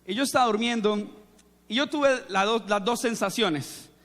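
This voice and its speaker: A male preacher giving a sermon to young people, telling anecdotes in a lively way and asking the audience questions. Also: high-pitched, moderate pace. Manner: storytelling, animated, quizzes the audience. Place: church or seminar hall. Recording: echoey hall.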